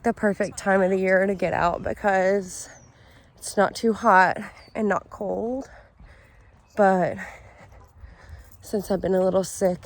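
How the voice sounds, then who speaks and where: A woman with a slightly raspy voice, chatting casually to camera as a vlogger. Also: medium pitch. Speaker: vlogger hosting a week-in-my-life video. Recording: clear background noise, ambience.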